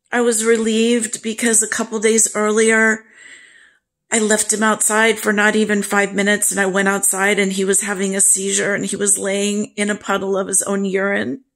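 A woman vlogger telling a personal story to camera in a slow, halting, grief-stricken way. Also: mid-range voice, completely flat delivery, fairly bright tone.

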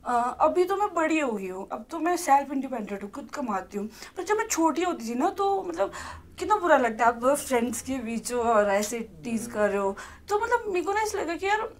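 High-voiced earnest young woman. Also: very animated, moderate pace, few pauses. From Himachal Pradesh, India. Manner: heartfelt, earnest, near tears at times. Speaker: podcast guest, vlogger. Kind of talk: emotional personal chat.

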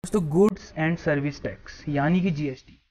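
A man's voice: on the high side, normal speed, very noisy. Young man explaining to camera. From India. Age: young adult. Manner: instructive, addresses viewers as friends. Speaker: YouTube channel host. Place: small room before a plain backdrop. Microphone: small clip-on mic on shirt.

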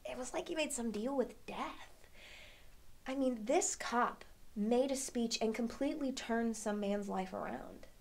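An actress plays a pensive, fragile young woman alone with her thoughts in a dramatic monologue. Her voice sits a little high. She gropes for words in a searching soliloquy, wry and troubled, with hesitant pauses. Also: gravelly. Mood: searching, agitated. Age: young adult. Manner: halting, searching, thinking aloud with hesitant pauses. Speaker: actor performing a monologue. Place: indoor studio against a plain backdrop.

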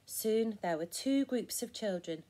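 A woman hosting a story time and reading a children's picture book aloud in a gentle, expressive and encouraging way. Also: medium pitch, measured pace.

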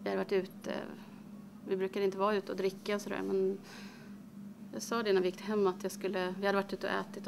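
An actress playing a middle-aged grieving mother, speaking haltingly with many pauses in a dramatic monologue. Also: medium pitch, creaky, noisy background. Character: grieving mother, middle-aged, recalling her daughter's death.

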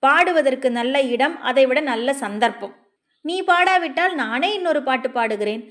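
A woman voicing a gentle, devoted young man who sings temple hymns and speaks in a soft, earnest way. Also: high-pitched, expressive, normal speed. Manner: soft-spoken, calling out loudly at times.

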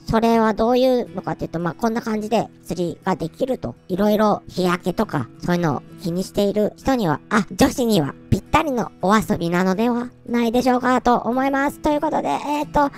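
A man's voice: very high-pitched, pitched above the performer's own voice. A man using a voice changer to play a playful, girly female VTuber persona, with a synthetic, processed sound. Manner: playful, goofy outbursts.

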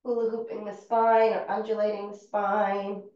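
A woman teaching a yoga class, calmly and steadily talking students through each movement. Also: medium pitch. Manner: calm, unhurried cueing of movements. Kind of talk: guided yoga class instruction. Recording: far-off, echoey, dull-sounding room recording.

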